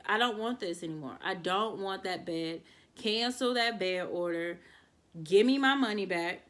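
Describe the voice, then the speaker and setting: Young woman, vlog storytime, exasperated, animated, chatty, talks to viewers. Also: fairly low pitch. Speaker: vlogger. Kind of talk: storytime vlog, casual chat to camera.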